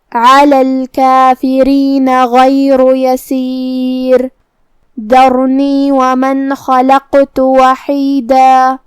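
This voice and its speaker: A woman teaching Quran recitation, explaining each letter's pronunciation slowly and precisely. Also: high-pitched, no echo. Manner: slow, careful, precise articulation. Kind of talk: tajweed lesson, explaining letter by letter.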